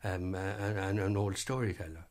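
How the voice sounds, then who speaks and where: On a vintage radio program, a male guest speaks in a low, steady, darkish voice. He reflects hesitantly in the interview, halting often with fillers and restarts.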